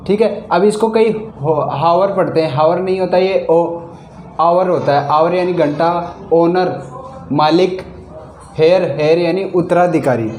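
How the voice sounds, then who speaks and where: A woman's voice: on the low side, mellow, a little hiss or hum. Patient woman teacher spelling words aloud. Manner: spells words out letter by letter and glosses each meaning; patient, repetitive explaining. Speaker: English grammar teacher. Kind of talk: Hindi-medium classroom lesson. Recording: echoey room.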